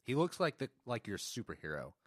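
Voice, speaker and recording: This podcast co-host has a mid-range, sing-song voice and talks briskly over a dry, studio-quality recording. He chats loosely about an episode, laughs often, and stumbles and restarts while reading trivia aloud.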